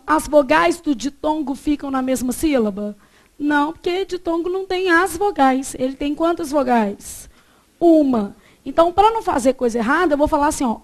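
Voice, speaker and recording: A woman with a Brazilian accent teaching a grammar class, asking the students to fill in words and repeating the answers. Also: sits high. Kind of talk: classroom lecture.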